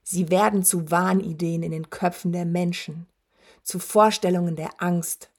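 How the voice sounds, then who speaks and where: Woman reading as a cruel old werewolf, rattling gravelly voice, slow and mocking, dark tone. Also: lowish voice, steady tone. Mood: gloating menace. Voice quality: rattling, rasping voice. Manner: taunting, gloating. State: wheezing, labored breath. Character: huge dying male werewolf, mocking and cruel.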